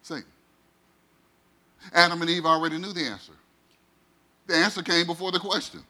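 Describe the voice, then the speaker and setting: A pastor preaching a sermon, swinging from loud declarations to hushed, slow, dramatic phrases. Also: male voice, fairly high pitch.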